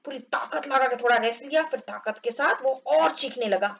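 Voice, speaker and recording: A woman explaining an English textbook story to children, reading the lines slowly and acting out the characters. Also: sits high, creaky, fairly bright tone, a little hiss or hum. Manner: reads English lines slowly, explains in Hindi, acts out groans. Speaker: English teacher. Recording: dull lo-fi recording.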